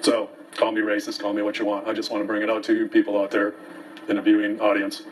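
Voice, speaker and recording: A man's voice: fairly low pitch, monotone, fast talker. Blunt man, distant mic. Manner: blunt, aggrieved, folksy. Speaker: host of a local commentary show. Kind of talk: opinionated monologue to viewers, partly read from papers. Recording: distant mic, faint background noise.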